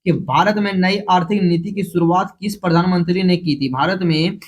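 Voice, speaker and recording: A high-pitched man with a Jharkhand Hindi accent rushes through a multiple-choice quiz review for exam prep. He repeats each question, then announces the option letter, hurrying with frequent restarts and self-corrections.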